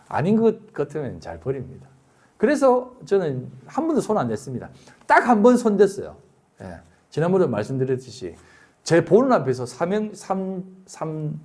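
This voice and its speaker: Husky-voiced pastor with very lively pitch. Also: male voice. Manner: storytelling with lively acted-out quotes and laughter. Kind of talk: sermon.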